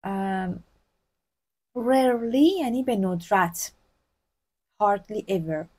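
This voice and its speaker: A woman with a Persian accent teaching a textbook lesson, reading English examples slowly and explaining them in a chatty way. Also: medium pitch, darkish tone. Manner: chatty, corrects herself openly.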